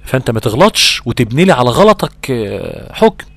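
Animated Egyptian man teaching recitation. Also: mid-range voice, creaky, dry recording. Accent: Egyptian Arabic. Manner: animated, acts out imagined student exchanges, drawn-out recitation examples. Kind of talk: Egyptian colloquial tajweed lesson.

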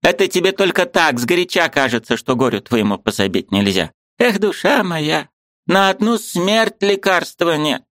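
A man's voice: fairly high pitch, animated, normal speed, fairly bright tone, no echo, studio quality, voice pushed up. A man voicing an old woman, a fussy, agitated aunt who exclaims, pleads and repeats herself in an audiobook. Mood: coaxing.

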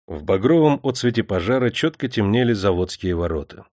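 A man reading an audiobook in a measured, dramatic storytelling manner. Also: fairly low pitch, expressive, a little mellow, dry recording, clean studio sound. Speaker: audiobook narrator. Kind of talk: scripted narration.

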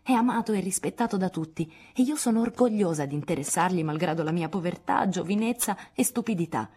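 A woman's voice: on the low side, animated, fairly quick, mellow, slightly rough, pitched above the performer's own voice. A woman voicing a proud, resolute young woman, speaking firmly and with indignation in an audiobook. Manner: indignant, firm, spirited. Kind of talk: audiobook dialogue reading.

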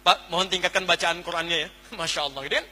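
A man preaching an Islamic lecture to a congregation, animated, going from hushed to exclaiming and putting questions straight to the audience. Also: sits high, quick pace. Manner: addresses the audience directly with questions. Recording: echoey hall.

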